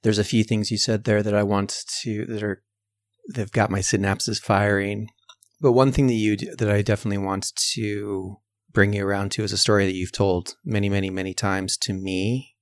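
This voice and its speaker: Low, even-voiced male host. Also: moderate pace, no room sound, clean studio sound. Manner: encouraging, curious questioner. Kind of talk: conversational interview.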